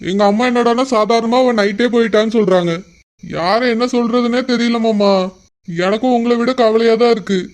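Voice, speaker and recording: A man voicing a young son-in-law in a cartoon, calmly reassuring his father-in-law. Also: very high-pitched, a little fast. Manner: calm, explaining.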